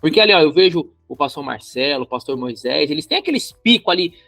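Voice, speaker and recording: Man, Brazilian accent, podcast host, lively chat, quotes others in voices, faint music behind. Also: on the high side, fast talker, gravelly, no room sound. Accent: Brazilian Portuguese. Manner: animated, acts out quoted voices.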